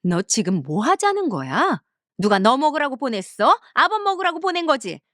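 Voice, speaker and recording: Harsh, berating mother-in-law, read by a woman, lively pitch swings, dry studio sound for a story cartoon. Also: moderate pace, no room sound. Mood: scornful. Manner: contemptuous, berating. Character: harsh scolding middle-aged mother-in-law.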